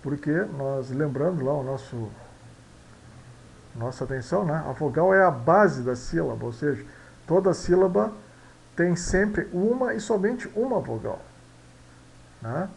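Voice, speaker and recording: A man teaches language basics in a patient, repetitive way, often checking in with short tag questions. His voice sits a little high and carries a gravelly, creaky texture. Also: lively intonation, a little mellow, poor audio. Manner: explanatory, frequent tag questions, slow and repetitive. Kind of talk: explaining Portuguese phonology exercises.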